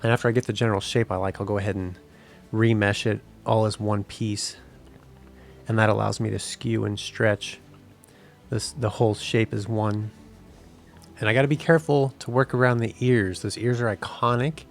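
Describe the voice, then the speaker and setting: Relaxed guy in his 30s narrating a game art tutorial, low gravelly voice, soft music behind. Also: normal speed. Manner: relaxed, explanatory. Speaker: 3D game artist.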